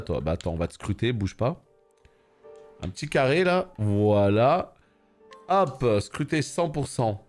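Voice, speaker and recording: Lower-voiced man chatting through gameplay. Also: a little mellow. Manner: chatty, swears, answers viewers. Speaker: gaming video host. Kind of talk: casual gameplay commentary.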